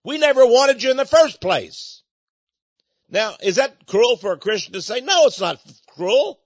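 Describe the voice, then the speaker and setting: High-voiced man ranting indignantly. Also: big pitch swings, unhurried, slightly rough, no room sound. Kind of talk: political commentary monologue. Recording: dull, dry lo-fi recording.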